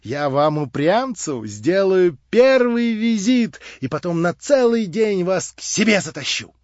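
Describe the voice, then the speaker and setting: A man reading an audiobook, voicing a lively, playful young woman who calls out in high, eager bursts. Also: measured pace, no echo. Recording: dry, slightly dull audiobook recording.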